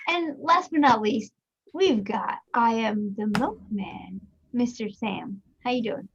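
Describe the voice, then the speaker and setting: A woman hosting a casual online show, loud and bubbly, over a desk mic with a harsh, staticky edge. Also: on the high side, slow pace, lo-fi sound, a little hiss or hum. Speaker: host. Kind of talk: casual video-call chat. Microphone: USB desk microphone.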